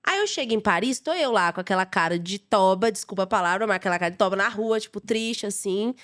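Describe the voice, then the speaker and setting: A young adult Brazilian woman with a Brazilian Portuguese accent, a guest chef telling lively, emotional stories in a casual podcast interview. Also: medium pitch, fast talker. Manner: lively, emotional storyteller, laughs often.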